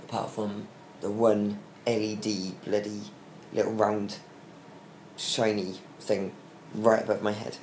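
A young British man, weak, tired and short of breath after surgery, talking haltingly in a casual video diary. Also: fairly low pitch, flat delivery, darkish tone. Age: young adult. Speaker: vlogger giving a recovery update. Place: small hospital room, lying in bed. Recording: roomy echo with faint background hiss.

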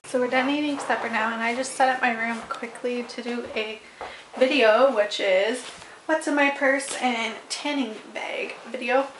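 A woman's voice: on the high side, fairly even intonation, moderate pace. A young woman in her twenties chatting casually to a handheld camera, recorded with noisy camera audio. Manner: chatty, laughing easily, talks to the camera. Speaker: vlogger. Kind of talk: casual vlog chat. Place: home and car. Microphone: handheld compact camera.

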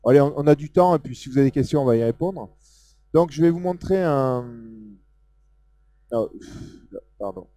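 A man with a Southern French accent giving a casual live software demo, talking loosely with many fillers as he points things out on screen. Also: fairly high pitch, fast, no room sound. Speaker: software presenter. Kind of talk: live technical demo talk.

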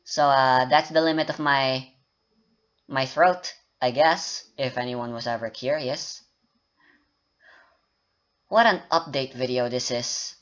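Taking it slowly with long pauses, an indie game developer and YouTuber rambles through a development update, joking at his own expense and about how he sounds. His mid-range voice is a bit bright, and the recording is lo-fi.

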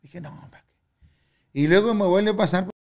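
A high, slightly mellow male voice at a moderate pace belongs to an older musician being interviewed. He shares stories casually, bluntly and candidly, swearing freely and acting out other people's lines.

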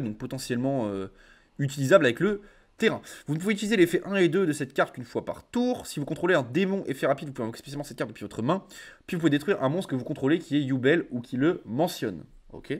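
A man's voice: fairly high pitch, animated, fast. Young guy reading card text then riffing on it, chill slangy talk. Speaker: card game content creator. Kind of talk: casual card review reading.

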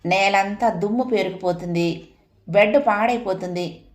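A woman voicing a caring young wife who gently coaxes her husband, read aloud in a storybook. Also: medium pitch, a little slow, reverberant, lightly acted. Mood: coaxing. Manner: soft, coaxing.

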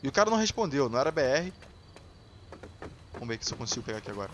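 A Brazilian man hosting a gaming channel, commenting on gameplay in casual, excitable chat and swearing freely at the viewers. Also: medium pitch, rapid-fire, background noise. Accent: Brazilian Portuguese.

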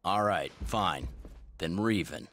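Quippy young superhero, lowish, lively pitch, sarcastic. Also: male voice, unhurried, slight background noise. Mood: grudging.

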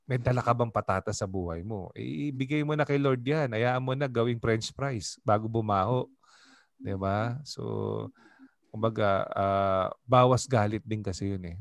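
A pastor with a fairly low voice gives a casual evening devotional over a video call. He talks in a loose, chatty way, keeps asking his listeners for agreement, and laughs easily. The sound is dry and close, with no room echo. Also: moderate pace.

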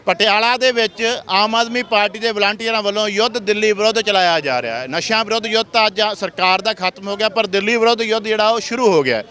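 A man reporting outdoors, introducing a guest and asking brisk, probing questions. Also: high-pitched, bright, forceful tone. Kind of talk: street interview.

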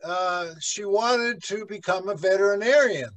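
A man's voice: high-pitched, a little slow, low-quality recording. A man, a pastor, teaching a church class in a conversational, rambling way with many fillers and asides. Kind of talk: conversational Bible class lecture.

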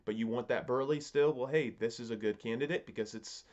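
A man's voice: medium pitch, a little mellow. Musing man, slightly dull recording. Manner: halting and musing, repeats and rephrases himself. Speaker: pipe tobacco reviewer. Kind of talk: casual, unscripted product review. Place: home study, indoors.

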